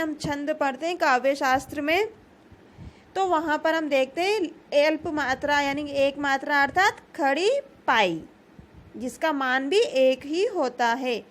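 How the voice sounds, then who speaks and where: A woman teaching a grammar lesson, patiently repeating key terms and asking questions that she then answers herself. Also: high voice.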